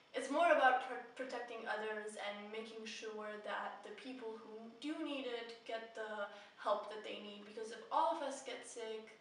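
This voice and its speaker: A young woman vlogs to the camera in a small room with bare painted walls, her voice on the high side with a sharp tone. She talks casually and earnestly, rambling a bit with heartfelt emphasis. A distant camera mic picks up room echo and faint noise.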